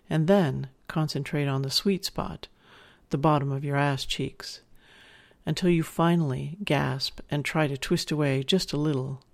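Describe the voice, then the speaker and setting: Creaky-voiced intimate narrator, mid-pitched. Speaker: narrator speaking as a dominant partner. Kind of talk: intimate second-person erotic audio narration.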